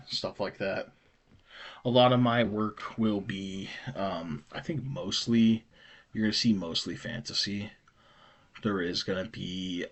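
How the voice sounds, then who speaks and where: A man's voice: low voice, creaky, a bit bright, husky. A man hosting a podcast, talking in a loose, rambling way and correcting himself often. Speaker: podcast host and author. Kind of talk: casual podcast monologue.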